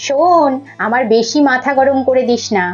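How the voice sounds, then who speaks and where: A woman's voice: sits high, moderate pace. A woman voicing a strict, anxious mother who scolds her children and worries that they will get hurt. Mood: scolding. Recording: slightly muffled with faint music.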